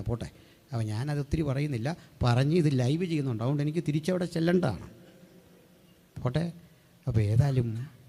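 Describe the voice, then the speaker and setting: A man preaching a Pentecostal sermon in a conversational way, often checking that listeners follow, with sudden loud emphatic bursts. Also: medium pitch. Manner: animated, conversational, asks listeners if they follow.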